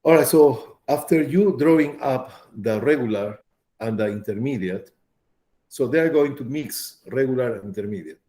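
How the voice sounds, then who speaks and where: Mellow-voiced man lecturing a class. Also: mid-range voice, normal speed. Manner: repetitive, checks in with students often. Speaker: pharmacology lecturer.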